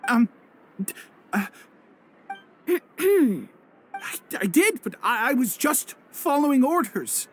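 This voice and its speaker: Slow, nervous, stammering underling. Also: male voice, extremely high pitch, sing-song, a little hiss or hum, exaggerated voice. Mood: nervous, cowed. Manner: hesitant, stammering. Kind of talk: video game character acting.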